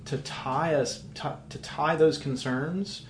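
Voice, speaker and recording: A man's voice: a little high, slow, echoey room, slight background noise. A man speaking as a guest in a casual tech interview, explaining earnestly with many restarts.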